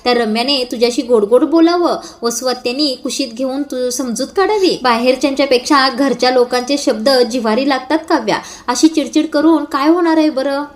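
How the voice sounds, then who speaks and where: Nandini, a woman voicing a gently scolding elder sister. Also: sits high, a little fast, few pauses, lightly acted.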